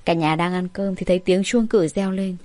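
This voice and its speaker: A woman narrating a story in the first person, in a lively, conversational way. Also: on the low side, a little fast, no room sound. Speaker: audiobook narrator.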